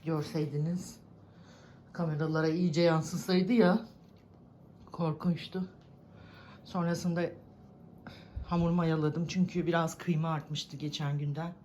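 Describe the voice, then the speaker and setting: Woman village vlogger, low-pitched, slow and exasperated, snaps at her cats. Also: little pitch movement, a little hiss or hum. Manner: exasperated, scolding her cats with sharp high shouts. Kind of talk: casual vlog talk to camera. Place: village house kitchen, indoors.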